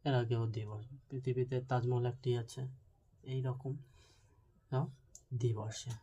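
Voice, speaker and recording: Dark-voiced teacher spelling words aloud. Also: mid-range voice, level tone, measured pace, husky, poor audio. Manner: explains step by step, spells words letter by letter, asks checking questions. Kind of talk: classroom grammar lesson.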